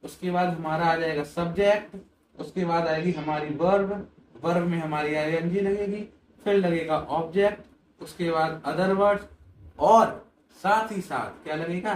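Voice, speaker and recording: High-voiced man teaching grammar. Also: unhurried, far from the mic, a little hiss or hum. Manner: asks questions and answers them himself. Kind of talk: classroom-style grammar lesson. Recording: echoey room, voice off-mic.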